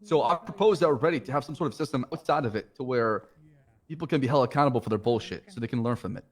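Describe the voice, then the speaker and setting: A man playing a police officer, talking earnestly and often stumbling over his words. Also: medium pitch. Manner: earnest, halting, repeats himself. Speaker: police officer in a roleplay game. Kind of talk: in-character discussion.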